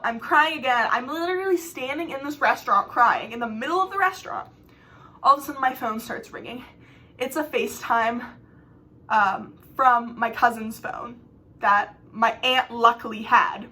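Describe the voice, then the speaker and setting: A young woman with a high, bright, lively voice tells her own travel stories to the camera. Her delivery is chatty and dramatic, going loud at the big moments and dropping low for asides. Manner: chatty, dramatic, swings between loud and hushed. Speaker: vlogger. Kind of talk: storytime vlog, casual storytelling.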